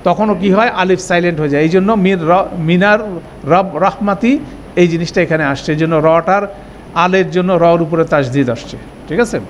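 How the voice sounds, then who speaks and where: A man's voice: sits high, brisk, slight background noise. A man teaching Arabic grammar in a classroom lecture, explaining step by step and checking that students follow.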